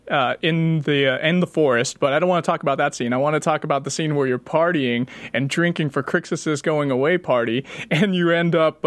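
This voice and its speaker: Eager higher-voiced male interviewer. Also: no room sound. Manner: eager, enthusiastic, stammers into questions. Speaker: interviewer host. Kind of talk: casual interview chat.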